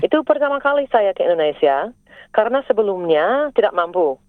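A woman's voice: mid-range voice, big pitch swings, a little fast, no room sound. A middle-aged Australian woman, a native English speaker, answering interview questions in Indonesian as a foreigner, in simple careful phrases with the odd English word. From South Australia. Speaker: Indonesian language teacher and interview guest. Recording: tinny narrow-band phone line.

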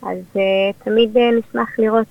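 A woman's voice: a little high, little pitch movement, creaky. Woman w israeli accent explaining stuff in a radio interview, kinda dull lo-fi audio. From born in Australia, raised there and in Israel. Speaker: rabbi's wife and community leader, interview guest.

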